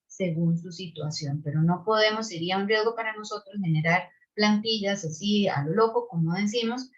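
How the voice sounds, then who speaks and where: A woman's voice: medium pitch, normal speed. A woman teaches an online webinar, talking in a mid-range voice. She explains step by step, restarts phrases and checks in with tag questions. The video-call audio sounds slightly dull. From Costa Rica. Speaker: webinar presenter on public procurement. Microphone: video call microphone.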